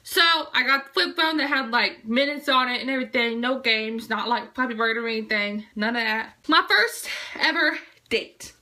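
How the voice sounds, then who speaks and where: Teen girl vlogger, high and bright, rambling casual chat. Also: normal speed. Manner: rambling, lots of fillers.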